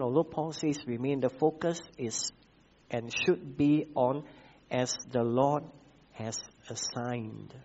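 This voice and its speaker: Malaysian pastor preaching a measured sermon. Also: male voice, medium pitch, mellow, lo-fi sound. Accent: Malaysian English. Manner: measured preaching, repeats key phrases, frequent "uh" fillers.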